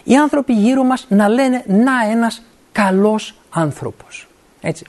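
Lively, earnest middle-aged preacher. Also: mid-range voice. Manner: earnest, often stops to ask "right?" and quotes scripture. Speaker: university academic. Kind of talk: sermon.

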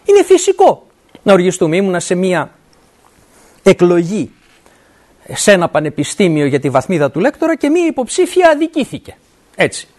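Earnest and straightforward, a middle-aged academic from a university delivers a sermon whose pitch climbs and drops in wide, animated arcs. Scripture is quoted throughout, and he keeps pausing to ask "right?" to make sure the audience follows.

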